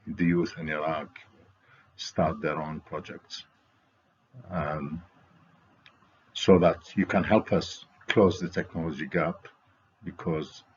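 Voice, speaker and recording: A man giving a slide presentation as a network's presenter, speaking in a halting, hesitant way. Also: low-pitched, darkish tone, slightly rough. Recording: dull, lo-fi audio.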